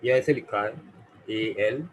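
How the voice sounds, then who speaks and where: Male teacher, unhurried, faint background hum. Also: lowish voice, fairly even intonation, rough recording. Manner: slow, careful pronunciation drills, repeating words. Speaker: English teacher. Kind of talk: live online vocabulary class.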